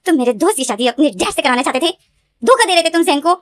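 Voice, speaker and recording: A woman voicing a young man who is his friend's worried, scolding companion, talking loudly and urgently. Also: high-pitched, lively intonation, fast talker, no room sound, voice pushed up. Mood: angry.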